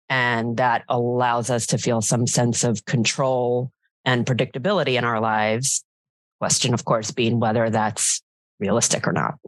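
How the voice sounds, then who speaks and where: A woman's voice: a bass voice, no room sound. A woman psychologist, a podcast guest, chatting casually with a playful, teasing manner.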